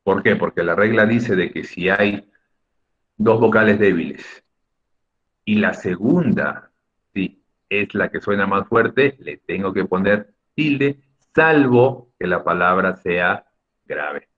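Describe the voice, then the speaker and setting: A man with a low voice teaches an online class, patiently explaining rules and checking in with his students. His intonation rises and falls with lively energy. The video-call audio sounds dull and lo-fi. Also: slow.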